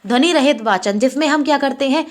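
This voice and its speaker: A woman's voice: high-pitched, quick pace. A young woman teaching an exam-prep lecture, repeating each point and asking questions she then answers herself.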